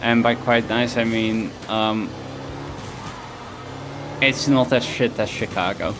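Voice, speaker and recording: A male streamer chats casually at home while he plays, his voice sitting in a middle register. He rambles and mocks himself, often trailing off mid-thought, with game music running clearly beneath him. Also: medium pitch, takes it slowly. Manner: rambling, self-mocking, trailing off. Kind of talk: casual chat while gaming.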